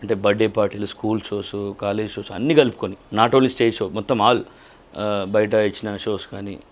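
A man in his thirties with a Telangana Telugu accent, an event organizer and mimicry artist answering interview questions in a casual, lively storytelling way. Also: fairly low pitch, normal speed. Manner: lively storytelling with colloquial dialect.

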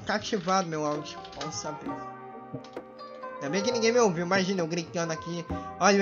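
A high-voiced man with a Brazilian accent runs a game session with excitable, teasing commentary. He jokes at his players constantly, and music plays clearly underneath him. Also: dull audio. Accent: Brazilian Portuguese. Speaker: gaming channel host. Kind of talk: playful gaming commentary.

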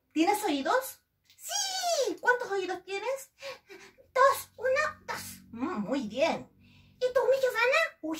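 A woman's voice: very high voice, a bit bright, recorded from a distance. Sing-song woman teaching phonics. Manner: sing-song, drawn-out sounding of letters. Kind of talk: children's phonics lesson.

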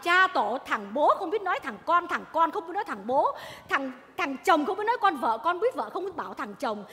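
A shrill, feisty wine seller. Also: female voice, very animated, pushed and bright, heavily acted. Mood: cursing tirade. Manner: rapid, shrill scolding tirades. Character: feisty, foul-mouthed woman wine seller. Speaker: comic stage actress. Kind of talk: stage comedy sketch. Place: theater stage. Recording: reverberant stage hall.

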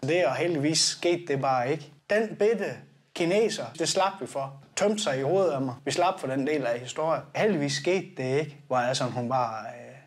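A man's voice: on the high side, lightly acted. An actor playing a crude, boastful young party guy who rambles and keeps correcting himself in a comedic confessional monologue. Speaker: comic character recounting a trip.

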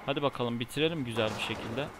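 A man's voice: mid-range voice, rapid-fire. Frustrated man commenting on a game. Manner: frustrated, exasperated muttering. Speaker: gamer. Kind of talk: casual gameplay commentary. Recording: noisy, with game gunfire behind.

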